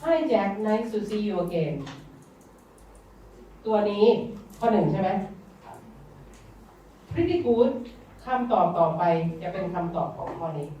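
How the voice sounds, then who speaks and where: A woman's voice: mid-range voice, sing-song, measured pace, long pauses, dark tone, a little hiss or hum. A Thai woman teaching English in a classroom, coaxing students to repeat words aloud. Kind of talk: classroom lesson. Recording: distant roomy classroom sound, dull.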